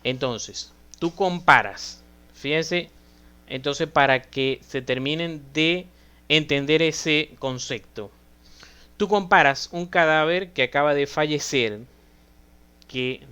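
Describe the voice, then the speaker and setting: A man's voice: on the high side, pushed and bright, clear, resonant tone. A man giving a conversational medical lecture, often asking his students questions. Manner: conversational, asks students questions, frequent fillers. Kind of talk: university lecture.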